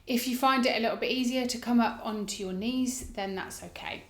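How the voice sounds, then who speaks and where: A woman with a fairly high voice gives breathwork instruction in an informal, explanatory style. She guides gently, letting her phrases end softly. The recording is roomy, with a clear echo around her voice. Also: brisk. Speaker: yoga breathwork teacher. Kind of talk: instructional demonstration, casual explaining. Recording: roomy, echoing indoor sound.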